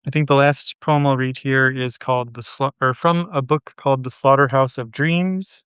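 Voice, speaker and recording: A man hosting a poetry channel, reading poems slowly and measuredly, then talking them through in a halting, thinking-aloud way full of fillers. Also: mid-range voice, fairly even intonation, a bit bright, clear, resonant tone, no echo. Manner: measured, unhurried poem reading. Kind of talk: poetry reading and casual discussion.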